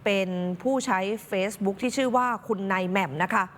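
A female news anchor at a mid pitch, talking directly to the audience with expressive emphasis. The sound is reverberant, with a faint hiss underneath. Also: moderate pace. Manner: expressive, talks directly to viewers. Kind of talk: news commentary.

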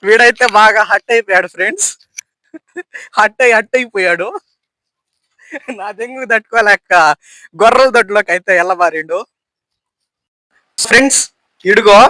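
A man filming a prank vlog on a phone at home, loudly and insistently calling out to his friend and teasing him. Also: high-pitched, poor audio. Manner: loud, insistent, repeats calls and commands. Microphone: phone camera.

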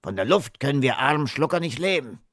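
A worldly cowboy teases and frets, as a male narrator plays him. The figure sits higher than the reader's own voice. The storybook recording is dry and close. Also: very animated, brisk, fairly bright tone, dry recording. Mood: wary. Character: adult cowboy, teasing and wary.

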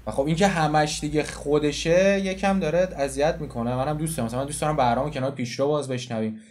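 Guy hosting a chill interview, a bit high voiced, easygoing and chatty. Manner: relaxed, agreeable, chatty. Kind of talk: casual interview chat.

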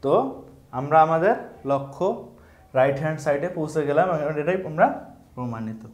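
A man's voice: on the high side, fairly quick, a little mellow, reverberant. A man with a Bangladeshi Bengali accent, an online math instructor, explaining a proof step by step and mixing English math terms into his talk.

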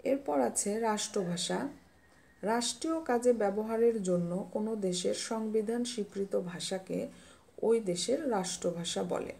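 A woman teacher explains a grammar lesson step by step, patient and unhurried, pausing to pose quiz questions. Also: medium pitch, vocal fry, dark tone, a little hiss or hum. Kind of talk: classroom lesson reading notes.

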